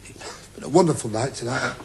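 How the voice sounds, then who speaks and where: A man's voice: medium pitch, expressive, fairly quick. A man hosting a television game show in a studio, bantering with contestants and cracking puns. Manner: jokey, punning, teasing contestants. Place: TV studio with a live audience. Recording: loud audience and noisy broadcast sound.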